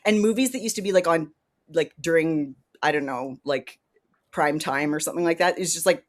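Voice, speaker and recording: A woman from Canada co-hosting a podcast, chatting casually and joking with loud laughs. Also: deep voice, normal speed. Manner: animated, jokey, laughs loudly. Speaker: podcast co-host. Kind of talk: casual chat.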